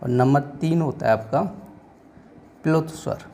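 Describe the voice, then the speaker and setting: A man's voice: medium pitch, a little slow, warm tone, slight background noise. A male teacher with a northern Indian Hindi accent, giving a classroom lecture and often quizzing listeners with rhetorical questions.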